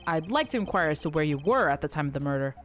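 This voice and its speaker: A woman voicing a stern, formal male prosecutor in a lowered voice, reading a game aloud. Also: big pitch swings, faint music behind. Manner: measured, formal.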